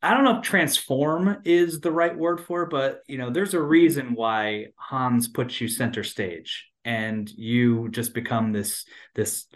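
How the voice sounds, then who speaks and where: A man's voice: mid-range voice, a little slow, few pauses. Guy interviewing a musician, middle voice, kinda wandering, hunts for words. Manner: loose, searching for words, meandering questions. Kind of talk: casual interview conversation.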